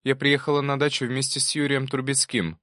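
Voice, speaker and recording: A man's voice: mid-range voice, level tone, brisk, fairly bright tone, dry recording, clean studio sound, voice pushed up, natural voice. A man reading an audiobook, voicing a timid young woman on the witness stand in a lifted, hesitant voice.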